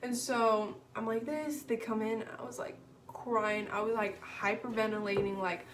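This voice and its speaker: A young woman telling a personal story on her vlog in an animated, exasperated way, full of fillers. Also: fairly high pitch, normal speed, noisy background. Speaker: vlogger.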